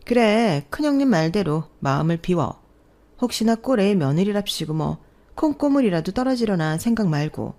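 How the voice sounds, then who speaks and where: A woman voicing a condescending older sister-in-law who mocks and sneers in a raised pitch. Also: very animated, normal speed, warm tone. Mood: sneering. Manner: mocking, sneering, higher pitched.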